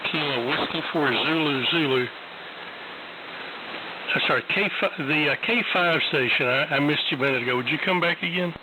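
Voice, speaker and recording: A man acting as an amateur radio net host, calling for check-ins in a halting, unhurried way over a radio transmission. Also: a little high. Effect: ham radio transmission. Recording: very noisy radio with static.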